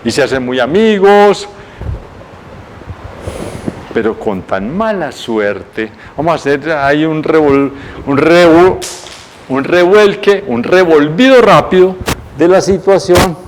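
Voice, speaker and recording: Un profesor con acento colombiano que da una clase televisada en tono coloquial, contando la historia de forma animada y corrigiéndose a sí mismo. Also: male voice, a little high, takes it slowly, long pauses, slight background noise. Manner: lively, colloquial, self-correcting storyteller. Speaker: teacher. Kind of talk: televised lecture, storytelling.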